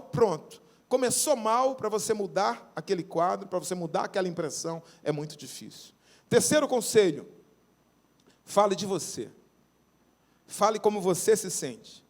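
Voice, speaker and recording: Animated Brazilian preacher, high lively voice. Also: male voice. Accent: Brazilian Portuguese. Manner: animated, acts out little everyday scenes with dropping and rising voice. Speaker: pastor. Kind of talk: sermon. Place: church sanctuary.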